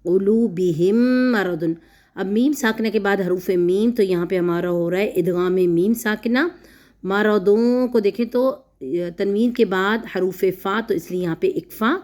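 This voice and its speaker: A woman teaching Quran recitation rules and translation, who repeats words slowly to model pronunciation. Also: mid-range voice, a little mellow. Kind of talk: explanatory lesson.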